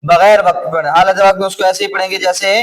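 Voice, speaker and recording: A man with a Pakistani Urdu accent teaching a class on reading the Quran. He slowly repeats words over and over, quizzes his students, and sometimes calls out loudly. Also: sits high, fairly even intonation. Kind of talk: classroom lesson on Quranic recitation rules. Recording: distant mic with clear background noise.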